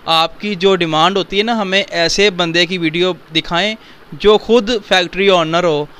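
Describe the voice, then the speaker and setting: A Pakistani man with a high, fairly even, somewhat bright voice and a clean tone interviews a young shop owner on a handheld mic. Indoors in a small cloth warehouse, he keeps things upbeat and promotional, firing off quick questions.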